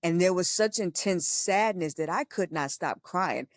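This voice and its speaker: A woman co-hosts a casual spiritual podcast, speaking frankly and earnestly in a teaching tone, swearing at times and laughing often. Her voice is fairly low and measured, with a dry, clean studio recording.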